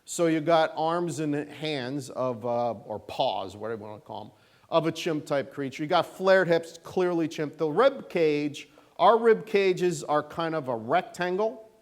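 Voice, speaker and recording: A middle-aged man teaching a church Sunday school class in a casual, animated, folksy way, with a sarcastic edge and lots of fillers. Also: fairly high pitch, a little slow.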